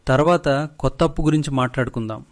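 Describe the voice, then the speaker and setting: A man's voice: medium pitch, quick pace, natural voice. A man voicing a greedy middle-aged village headman who talks with sarcasm and scorn. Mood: sarcastic.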